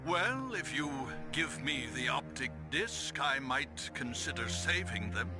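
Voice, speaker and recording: A man's voice: medium pitch, very animated, a little slow. Jim Houseman, smug government villain. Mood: coldly dismissive. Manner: smug, dismissive, officious. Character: smug, cold-blooded male government official villain. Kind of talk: dramatic video game voice acting. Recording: loud music behind the voice.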